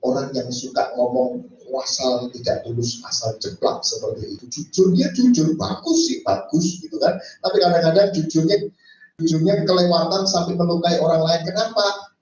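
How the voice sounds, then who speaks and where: A man preaching a sermon as pastor, animated, acting out quoted speech and mixing in English phrases. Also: sits high. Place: church. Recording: echoey church hall from far off, dull sound.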